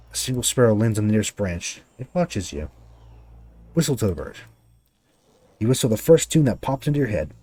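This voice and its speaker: Low-voiced man reading game text aloud. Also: mellow. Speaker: video game player narrating a playthrough.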